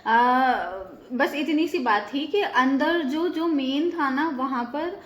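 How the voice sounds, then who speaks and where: A woman's voice: sits high, slow pace, roomy sound. A woman hosting a casual home vlog, chatting to viewers and explaining at length with many fillers. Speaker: vlogger host. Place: home balcony.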